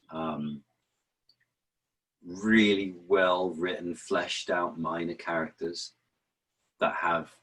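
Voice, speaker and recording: A man's voice: low-pitched, a bit bright, breathy edge, poor audio. A man answering as an interview guest, explaining verse rhythm, often restarting and repeating words as he thinks. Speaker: interview guest, actor and author.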